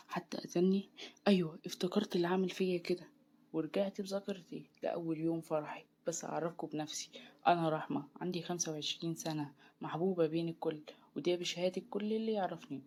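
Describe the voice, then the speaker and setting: A woman with an Egyptian Arabic accent narrating a first-person story quickly and evenly, voicing the dialogue in her own voice. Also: sits low, a little mellow, slight background noise.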